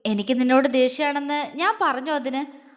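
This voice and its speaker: A woman voicing a tender, teasing young husband who is injured, speaking softly and coaxingly. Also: high-pitched, steady tone, moderate pace, long reverb tail, lightly acted. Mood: stern.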